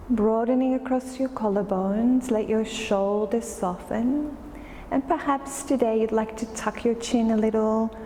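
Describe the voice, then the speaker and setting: A woman yoga instructor guiding a class in a calm, soothing, unhurried way. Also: a little high. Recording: roomy, reverberant space with faint noise.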